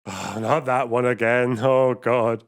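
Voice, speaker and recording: Male streamer, clean smooth voice, informal and sweary reaction chat. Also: medium pitch, steady tone, takes it slowly. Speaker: livestreamer reacting to a video. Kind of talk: casual reaction commentary.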